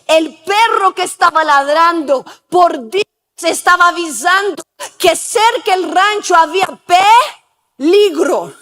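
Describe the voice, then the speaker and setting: Woman pastor giving a sermon, high voice, asks lots of rhetorical questions, has people repeat lines. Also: measured pace, fairly bright tone. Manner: calls for the congregation to repeat after her. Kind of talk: sermon with storytelling.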